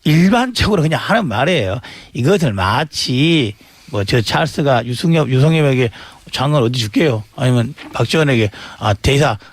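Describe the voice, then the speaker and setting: A man's voice: medium pitch, animated, moderate pace, dry recording. A man who is a campaign spokesman in a mock debate, defending himself and laughing things off. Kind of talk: political debate talk.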